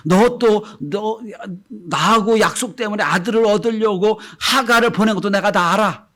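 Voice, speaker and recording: A middle-aged man preaching a Sunday sermon as pastor, often dropping into gentle quoted speech and then rising loud again. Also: high voice, moderate pace. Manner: acts out gentle quoted speech, swings between soft and loud.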